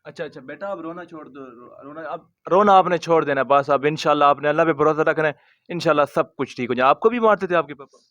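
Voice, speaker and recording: A man with a somewhat high voice talks softly and kindly, comforting a child before turning to address his audience with earnest appeal. The sound is close and dry. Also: no echo, muffled recording. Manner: gentle, soothing, speaks to the child kindly. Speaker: host. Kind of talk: street interview.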